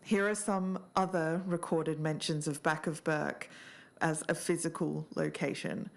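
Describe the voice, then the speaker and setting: As a podcast co-host, a woman with a low, gravelly voice narrates findings and reads quoted material to the listener. She keeps an even, low register at a measured pace.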